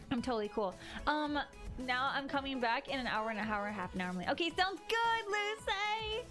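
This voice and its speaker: With background music underneath, a young woman draws on stream and reads out viewer messages, bubbly and giggly with playful sound effects. Her high, sing-song voice is fairly bright and moves at normal speed, though a little hoarse from losing it.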